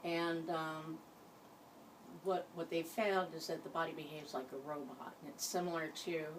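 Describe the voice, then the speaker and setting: A woman leading an informal guided hypnosis session, giving gentle instructions in a halting way. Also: deep voice, steady tone. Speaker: hypnosis practitioner. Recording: distant mic, faint background noise.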